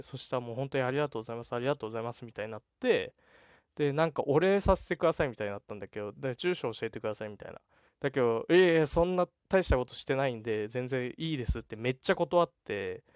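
Young male solo podcaster, casual and animated storyteller, dry studio-close mic. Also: medium pitch, fast talker, smooth, dry recording. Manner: chatty, animated retelling with laughs and voiced quotes. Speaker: podcast host.

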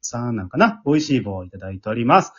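Hosting the after-talk for an amateur radio drama group, a man with a Kansai accent moves between polite announcements and friendly chatter. His mid-range voice is sing-song, quick and slightly rough, captured in muffled lo-fi online audio.

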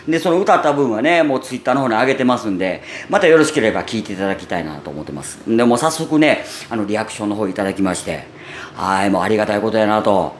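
A man with a gravelly voice and a Kansai Japanese accent, chatting casually and unaffectedly to listeners as a radio host. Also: fairly low pitch, expressive, fast. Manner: natural unaffected delivery, chatty, with frequent sentence-final "ne". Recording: roomy echo, faint background noise.

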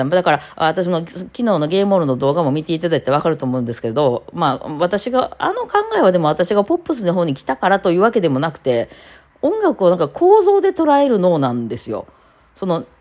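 Woman, Kansai accent, low voice, quick talker, rambling casual chat, lots of fillers. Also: a little mellow. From Japan. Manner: chatty, rambling, many fillers and self-corrections. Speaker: podcast host, violinist. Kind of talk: casual solo talk, reading a listener message.

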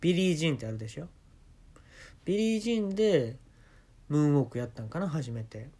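A man with a Kansai accent telling comic stories in a solo monologue, deadpan with sudden animated jumps. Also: on the high side, quick pace, breathy edge. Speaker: podcast host.

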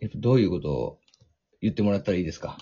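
A man hosting a radio show, talking in a playful, excitable, teasing way. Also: low-pitched, very fast, husky, dull audio. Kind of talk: casual radio banter.

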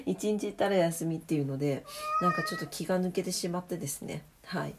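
A woman's voice: fairly low pitch, very animated, moderate pace, noisy background. A woman hosting a casual late-night solo audio diary, speaking in a polite, chatty, self-deprecating way. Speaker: solo audio diary host, radio-DJ style greeting.

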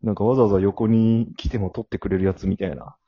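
A man's voice: on the low side, steady tone, fast, no room sound, dull audio. A man co-hosting a casual podcast chat, confessing sheepishly and putting himself down, then flaring up. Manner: sheepish, self-deprecating confessing that flares into indignation. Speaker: podcast co-host.

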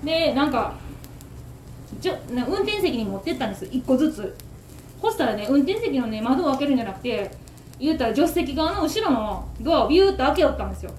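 A Kansai-accented woman who owns a takoyaki shop hosts a radio talk, ranting in animated, exasperated chat as she tells a story. Her high voice moves quickly over slight background noise. The room echoes, and takoyaki sizzle faintly as they fry.

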